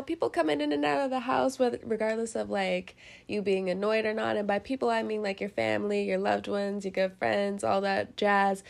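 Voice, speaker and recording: Her voice a little high and creaky, a young woman with a head cold leads a laid-back tarot reading. She rambles chattily, laughs a lot and curses occasionally.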